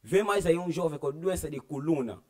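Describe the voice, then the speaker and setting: A man's voice: fairly high pitch, animated, normal speed, darkish tone. A young man with an Angolan Portuguese accent gives an earnest personal religious testimony, acting out the dialogue he quotes. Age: young adult. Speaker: church member giving testimony.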